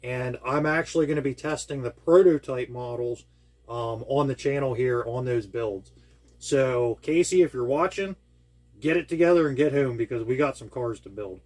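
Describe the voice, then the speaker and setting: A man's voice: medium pitch, normal speed, a little mellow. A man hosting his own hobby channel, walking through a build in a casual, enthusiastic way, rambling and full of ums and uhs, talking indoors at home. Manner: enthusiastic, rambling with many fillers. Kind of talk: casual product walkthrough. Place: indoors at home with air conditioning.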